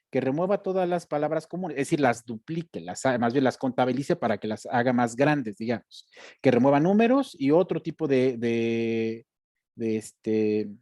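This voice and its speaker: This screen-share tutorial lecture comes from a male instructor whose medium-pitched voice has a dark tone. He explains each step and addresses the students directly with check-in questions, and the studio recording is clean and echo-free.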